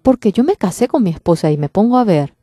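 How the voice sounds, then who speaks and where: Woman interpreter voicing a pastor's sermon in church; low-ish mellow tone, earnest emphasis, dry close sound. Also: lively intonation, quick pace, no room sound.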